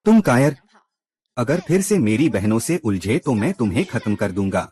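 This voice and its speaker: Lively male drama recap narrator. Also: medium pitch, normal speed, slight background noise. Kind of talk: scripted recap narration voicing all characters.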